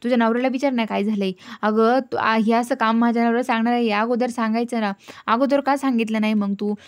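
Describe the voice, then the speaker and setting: Quarrelsome middle-aged aunt, a woman doing it, accusing, high and pushy. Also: steady tone, fast talker, clean tone, lightly acted.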